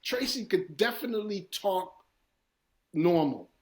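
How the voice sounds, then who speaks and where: A guest artist from East New York, Brooklyn, speaks in a high voice with a New York street accent, unhurried, in a casual podcast interview. He rambles and swears through animated stories, with crowd noise in the background.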